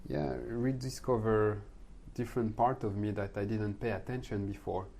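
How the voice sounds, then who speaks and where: A middle-aged French man with a French accent, speaking as a podcast guest in a calm, thoughtful way, sometimes searching for words. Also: on the low side, moderate pace, vocal fry, a little hiss or hum. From France. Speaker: guest, manifestation coach. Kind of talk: podcast conversation.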